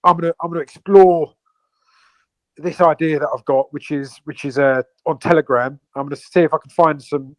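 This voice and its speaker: In an online AMA, a British man who co-owns a crypto project explains it at length in a fairly high voice, with lots of fillers and restarts. The audio is poor but has no echo.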